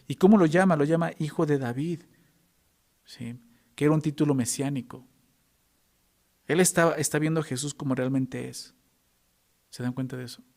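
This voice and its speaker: A man's voice: on the high side, moderate pace, vocal fry, pauses often, darkish tone. A male pastor preaching a sermon, emphatic and full of rhetorical questions to the congregation.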